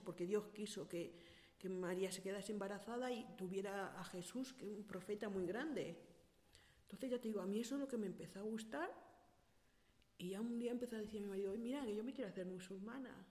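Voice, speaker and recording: A middle-aged woman from Spain speaks with a Spanish accent in a mellow, warm voice. She tells her own story earnestly and directly, voicing the people in it as she goes. The recording carries a long, trailing reverb. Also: medium pitch. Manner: earnest, direct storyteller who acts out past dialogue. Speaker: interviewee. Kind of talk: personal account in casual conversation.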